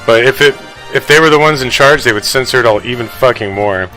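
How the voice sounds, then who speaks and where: Ranting, foul-mouthed man with a bright voice. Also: medium pitch, faint music behind, low-quality recording. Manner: profane, ranting, heavy swearing; fast, fired-up speech addressed to viewers. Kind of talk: casual reaction commentary on news articles.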